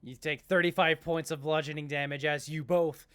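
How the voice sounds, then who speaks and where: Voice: medium pitch, steady tone, normal speed, a bit bright, clean tone. A game master narrating an improvised tabletop game.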